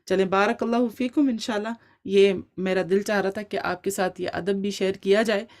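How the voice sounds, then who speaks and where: A woman's voice: medium pitch, fairly even intonation. A woman teaching Quran recitation in an online class, with speech, explaining step by step and checking in often with her students.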